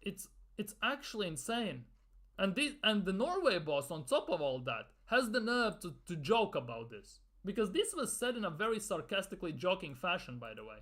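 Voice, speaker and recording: A man's voice: high-pitched, a bit bright. A man ranting in a football fan commentary video, exasperated and sarcastic, with some swearing.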